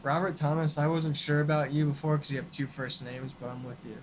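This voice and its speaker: A man, a guest in a casual music chat, explaining points in a relaxed way that often trails off softly. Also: on the high side, brisk, rough recording. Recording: audible background hiss.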